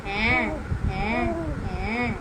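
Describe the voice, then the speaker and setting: A woman's voice: medium pitch, steady tone, takes it slowly, heavy background noise. A mother live-streaming with her baby son, chatting to viewers in a coaxing, sing-song baby-talk voice. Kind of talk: casual live-stream chat.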